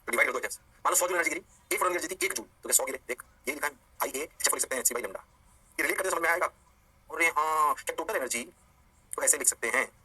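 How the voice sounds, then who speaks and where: A man teaching a physics lecture, animated and playing both sides of a call-and-response with his students. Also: a little high, quick pace, breathy edge, poor audio. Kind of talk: energetic classroom lecture.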